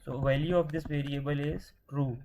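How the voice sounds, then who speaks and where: A man's mellow, slightly high voice with fairly even intonation carries a screen-share programming lesson at a moderate pace. He patiently poses questions and answers them himself, often restarting words. The rough recording has slight background noise.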